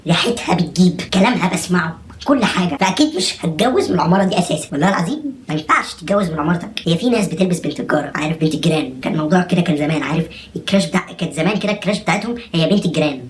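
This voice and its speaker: A young man with an Egyptian accent delivering a comic monologue as a vlogger, joking in a rapid-fire, exasperated way. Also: fairly high pitch, lively intonation. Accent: Egyptian Arabic. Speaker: comedy vlogger.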